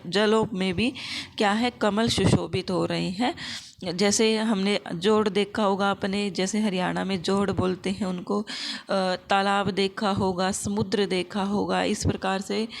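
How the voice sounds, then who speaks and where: A woman teaching an exam-prep lesson, explaining by asking and answering her own questions and reciting verses slowly. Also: medium pitch, vocal fry. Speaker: Sanskrit teacher.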